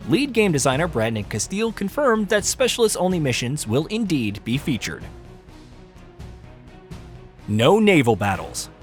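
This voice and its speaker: A man reading scripted top ten countdown narration about a video game, announcing headings and explaining in formal sentences. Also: mid-range voice.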